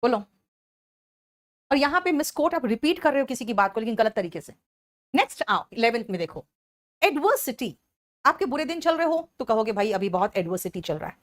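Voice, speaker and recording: A woman's voice: on the high side, animated, a little fast. A woman teacher with an Indian English accent explaining vocabulary for an exam-prep class, often checking in with her students.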